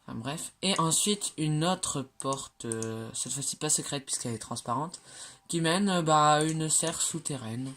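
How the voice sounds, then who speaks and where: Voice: mid-range voice, a little slow, a bit bright. Hesitant, chatty French-speaking game narrator. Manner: hesitant, many fillers and self-corrections; chatty, jokes at own slips. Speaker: game creator showing builds. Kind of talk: casual walkthrough narration of game builds.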